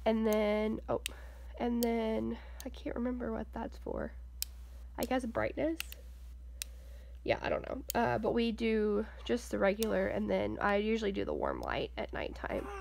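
A woman's voice: fairly high pitch, lively intonation, measured pace, gravelly, a little mellow, a little hiss or hum. A stuffy-nosed young woman chatting casually in a home vlog from her bedroom, rambling with lots of ums and likes. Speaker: mom vlogger.

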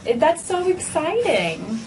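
Upbeat woman audiologist, slow and high-ish, noisy clinic room. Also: sing-song. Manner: upbeat and reassuring. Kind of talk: clinical fitting session.

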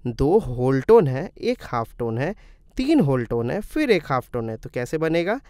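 In a casual screen-recorded tutorial, a man teaches music theory step by step, posing questions and answering them himself while chatting warmly and calling viewers "brother." His voice is a little high with big pitch swings and a moderate pace, and the sound is smooth, studio quality, with no room sound.

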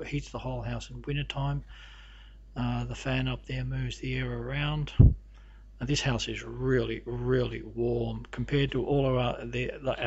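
A man walking through his home with a camera, narrating the rooms in a halting, casual way full of fillers and restarts. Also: mid-range voice, breathy edge, muffled recording. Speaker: homeowner giving a house tour. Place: inside a house, walking room to room.

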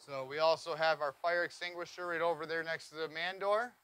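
A man in his forties, recorded on a lapel mic, gives a brisk and enthusiastic walkaround of a camping trailer, pointing out details inside and around a cargo trailer on an outdoor lot as a trailer reviewer. His voice is on the high side, steady, pushed and bright, with a clean tone.

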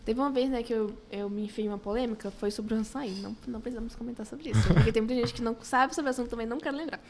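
A young woman with an Acre Brazilian accent, guest on a podcast, telling stories in a giggly, animated way. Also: on the high side, rapid-fire, faint music behind. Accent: Acre Brazilian Portuguese. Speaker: podcast guest, food creator. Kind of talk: casual podcast chat. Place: small podcast studio.

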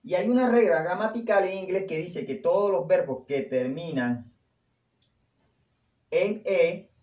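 A man teaching English to Spanish speakers, saying each sentence twice slowly and then translating it. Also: high voice, a little mellow, lo-fi sound. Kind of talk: language lesson. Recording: echoey room.

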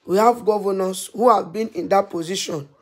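A woman's voice: mid-range voice, moderate pace. A woman giving impassioned vlog commentary, preachy and scolding, repeating her points again and again. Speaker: vlogger.

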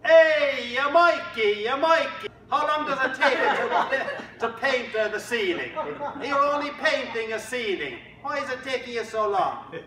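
A man voicing an impatient old Pope who nags loudly over the phone, recorded from a distance in an echoey room. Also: very high voice, expressive, measured pace, a little hiss or hum, pitched above the performer's own voice, full character voice.

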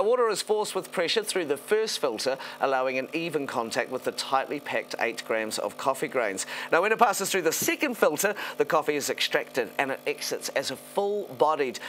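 Higher-voiced male home shopping host. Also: a bit bright, a little hiss or hum. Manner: upbeat sales patter, step-by-step explaining. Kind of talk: home shopping product demonstration. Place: TV studio kitchen set, indoors.

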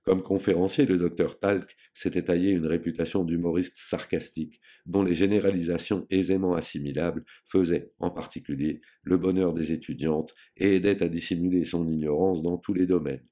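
A man narrating an audiobook in a steady, measured storytelling manner. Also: low voice.

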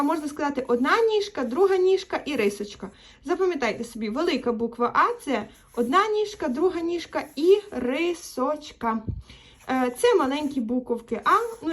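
A young woman with a notably high voice leads a children's alphabet lesson. She speaks gently and encouragingly, stretching each vowel out slowly so the little ones can repeat after her. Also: animated. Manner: patient, drawn-out vowel demonstrations for children. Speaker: teacher.

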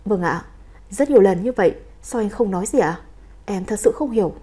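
A woman's voice: mid-range voice, animated, fairly quick, dark tone, slightly rough. A woman voicing an earnest, deferential young male henchman in a storybook reading, politely puzzled in tone.

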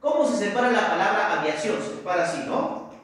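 A man's voice: sits high, big pitch swings, fast, a bit bright, recorded from a distance. A male teacher explaining step by step in a recorded lesson, often checking with "¿correcto?". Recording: very echoey room, voice off-mic.

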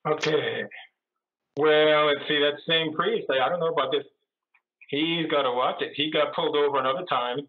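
Priest telling jokes over a tinny line. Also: male voice, on the high side, steady tone, normal speed. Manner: chatty storyteller. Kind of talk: telling jokes on a video call. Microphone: computer mic on a video call. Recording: tinny echoey video-call audio.

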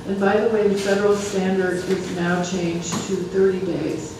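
A medium-pitched speaker with a flat delivery shares data at a health planning council meeting held in a large room. They halt frequently and restart many sentences, and the recording is noisy and echoey, taken from far away.

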